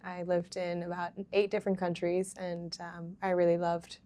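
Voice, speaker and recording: A young woman founder in a casual interview, relaxed and chatty, with many ums and easy laughs. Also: on the low side, moderate pace. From Hong Kong. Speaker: startup founder, interview guest.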